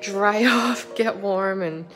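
A woman's voice: medium pitch, slow, music in the background. Female travel vlogger, thirties, casual chat into a handheld phone. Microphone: phone at arm's length.

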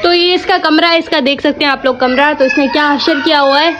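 High-voiced chatty woman vlogging at home. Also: steady tone, fairly quick, over music. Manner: chatty, explaining things step by step to viewers. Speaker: vlogger and mother. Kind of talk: casual home vlog chat.

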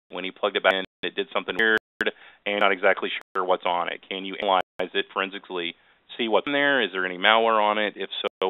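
A man directing a competition, giving brisk, matter-of-fact examples on a webinar panel. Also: lowish voice, dry recording. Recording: phone-line audio.

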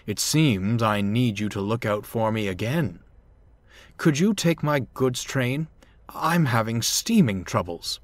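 A man's voice: mid-range voice, expressive, takes it slowly, no echo. A man voicing a proud, pompous male steam engine who talks in a haughty, posh, snappish way. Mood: contrite.

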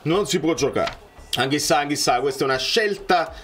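Excitable man reacting to football. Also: on the high side, moderate pace, faint music behind. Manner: excitable, swings from muttering to shouting at plays. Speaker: football channel host reacting to a match. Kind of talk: live match reaction.

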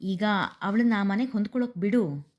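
A woman voicing a wise older woman who gives gentle advice. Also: mid-range voice, moderate pace, close to an everyday voice. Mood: advising. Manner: gentle, advising.

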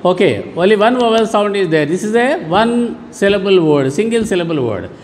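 A man's voice: high voice, lively intonation, normal speed, darkish tone, long reverb tail. A man teaching an online lesson to schoolchildren, patiently repeating and rephrasing words. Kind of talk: online classroom lesson for children.

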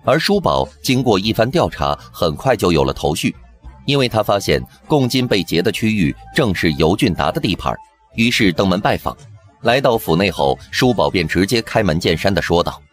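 A man narrating a TV drama recap in brisk scripted storytelling. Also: low voice, very animated. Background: background music.

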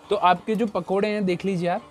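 A cooking show chef talks through a recipe in a high-pitched, level voice at a fairly quick pace, with soft music playing behind him. It's a casual demonstration, and he's chatty and repetitive, saying "look here" again and again as he shows each step.

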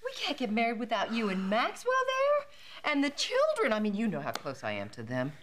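High-voiced, dramatic sitcom bride. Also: female voice, huge pitch swings, brisk, crowd noise. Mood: self-absorbed. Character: anxious, self-absorbed, dramatic bride. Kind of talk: broad sitcom acting. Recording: very noisy sitcom soundtrack.

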